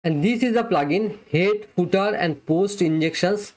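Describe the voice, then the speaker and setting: Young man, high-pitched voice, software demo, step-by-step explaining, close webcam mic. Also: normal speed. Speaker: software reviewer. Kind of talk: screen-recorded software demo. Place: small indoor room, webcam overlay.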